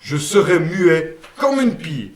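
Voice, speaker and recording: A man's voice: on the high side, sing-song, takes it slowly. A man voicing Tchantchès, a naive Liège puppet fellow. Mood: chatty. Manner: folksy, naive, lots of "hein" and "ben". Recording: roomy sound, mic at a distance.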